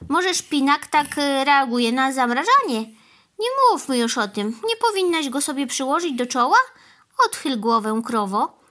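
A fussy, greedy male crow from a children's storybook, squawking "kra" and firing off brisk, evasive retorts, as a woman reads him. His voice is pitched very high, above a plain speaking voice. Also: very animated, fairly bright tone.

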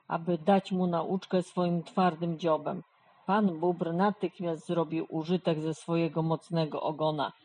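A woman narrating a children's storybook in a calm, even manner. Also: on the low side.

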